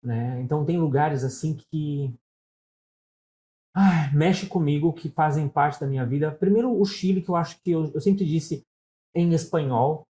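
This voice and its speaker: With a mellow voice on the high side and a normal pace, a middle-aged man from Brazil chats as an interview guest. He tells stories in a São Paulo Portuguese accent, talking freely and often tossing in "né?".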